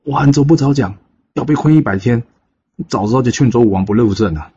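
A man's voice: low-pitched, normal speed, a little hiss or hum, natural voice. Fretful old strategist, a male narrator putting him on, dull lo-fi sound. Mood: alarmed. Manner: exclaiming in alarm. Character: Jiang Ziya, elderly male strategist, anxious.

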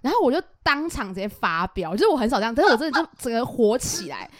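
A woman's voice: fairly high pitch, very animated, quick pace, dry recording, studio quality. A woman co-hosting a podcast, chatting casually in with a laughing, teasing way of telling stories. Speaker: podcast co-host. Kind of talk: casual chat.

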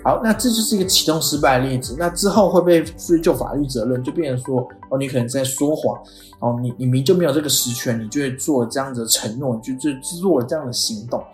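A podcast host, explaining ideas step by step in a casual lecture, often filling pauses with "哦" and acting out example dialogue. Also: medium pitch, darkish tone. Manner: explains step by step, frequent "哦" fillers, acts out quoted lines. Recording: roomy echo with faint background music.

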